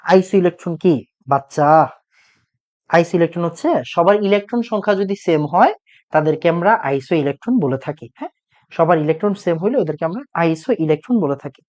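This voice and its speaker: Speaking on the high side and at a quick pace, a young man with a slightly mellow voice teaches chemistry over the internet. He restates every point and questions his students, his throat sore from all the loud talking.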